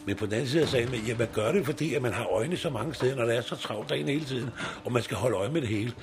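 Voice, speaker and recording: A man in his sixties, a recycling site worker, talking casually in an interview and rambling with tag questions. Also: medium pitch.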